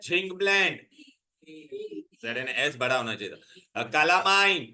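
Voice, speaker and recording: Bright-voiced teacher quizzing students. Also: male voice, fairly high pitch, animated, takes it slowly. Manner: quizzing students, mixing Hindi and English. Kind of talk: classroom revision lesson.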